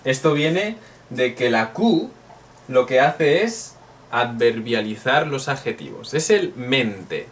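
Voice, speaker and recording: A man's voice: mid-range voice, lively intonation, takes it slowly, recorded from a distance. A man from Spain, teaching a playful online Japanese lesson and drilling phrases aloud.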